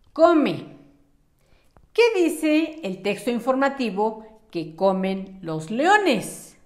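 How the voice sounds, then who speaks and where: A woman teacher giving an online lesson to young children in a patient, sing-song classroom voice. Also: a little high.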